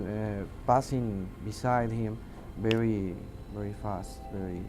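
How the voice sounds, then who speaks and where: An air traffic controller with a Mexican accent, a native Spanish speaker, gives unscripted testimony in an interview, haltingly searching for words in his second language. His voice is mid-range and a little mellow.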